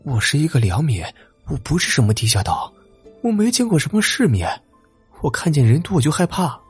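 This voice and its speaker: A male storyteller becomes a timid young farm boy, his voice jumping high as he sobs and pleads. The tone is husky and breathy, rising and falling wildly. Faint music sits underneath. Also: very animated, fairly quick, full character voice. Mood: pleading, tearful. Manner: high, tearful begging.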